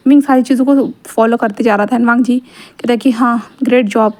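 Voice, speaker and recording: High-voiced woman telling a story. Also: fairly even intonation, a little fast, a little mellow. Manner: chatty, loose narration with fillers. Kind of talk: casual reading of fan fiction.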